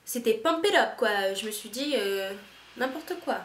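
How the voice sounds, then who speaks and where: Young woman, casual vlogger, a touch high, frank and slangy, echoey room. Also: lively intonation, measured pace, a bit bright, slight background noise. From France. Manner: rambling, frank and slangy, many restarts. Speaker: au pair vlogger. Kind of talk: casual chat to camera. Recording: echoey room with faint ambience.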